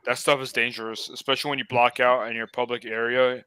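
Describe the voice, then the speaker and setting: A man's voice: medium pitch, level tone, fast, pushed and bright, clean tone, no room sound. A young man hosting a live-stream hangout, chatting in a laid-back, rambling way with lots of fillers. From Los Angeles area. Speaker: host. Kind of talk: casual live-stream chat.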